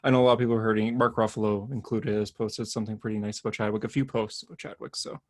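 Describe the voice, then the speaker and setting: A man's voice: fairly low pitch, steady tone, very fast, dry recording, studio quality. A man co-hosting a podcast, chatting casually about comic-book news, rambling a bit and laughing often. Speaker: podcast co-host.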